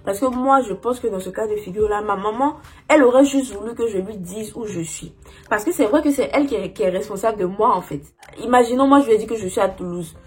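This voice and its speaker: A young woman recounts a personal story in a relaxed, chatty way, sprinkling in fillers as she goes. Her voice is mid-pitched and quite husky, with a breathy edge. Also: fast talker. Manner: chatty, lots of "genre" and "en fait" fillers. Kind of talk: casual spoken storytelling.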